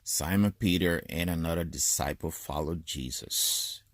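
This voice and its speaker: A man's voice: sits low, measured pace, no echo. A man reading a Bible narrative aloud from a script as a lay or church reader.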